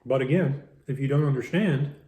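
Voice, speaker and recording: A man's voice: medium pitch, normal speed, dark tone, reverberant, a little hiss or hum. A man talking casually between bites, musing about life and purpose, sometimes with his mouth full and repeating words. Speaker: vlogger eating a meal on camera. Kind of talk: casual philosophical monologue while eating.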